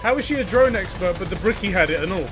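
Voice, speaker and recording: Co-host, casual banter, high lively voice, music bed under it. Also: male voice, quick pace. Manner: laughing, joking banter. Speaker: podcast co-host. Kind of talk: casual chat.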